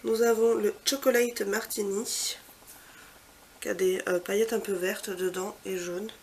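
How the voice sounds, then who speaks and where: A woman beauty vlogger talks through a swatch walkthrough with a gravelly, creaky edge to her mid-pitched voice. She heaps on the superlatives, then drops into soft, murmured asides. A faint hum of background noise sits under her. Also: steady tone, measured pace. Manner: chatty, trails off into soft quiet asides; gushing, repeats superlatives. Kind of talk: casual product swatch walkthrough.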